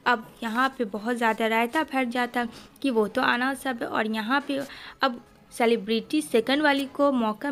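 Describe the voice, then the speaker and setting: High-voiced woman chatting through a film recap. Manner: chatty, talks straight to viewers as friends; mixes English words into Hindi. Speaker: movie recap narrator. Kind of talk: casual spoken film recap.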